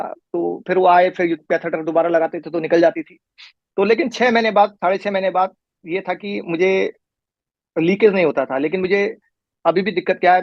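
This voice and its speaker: A middle-aged man in a patient's chair who talks quickly in a rather high voice and rambles through detail, restarting often. The recording is dull and lo-fi, with a dry, close sound. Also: no echo. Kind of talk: casual conversation. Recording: muffled lo-fi recording.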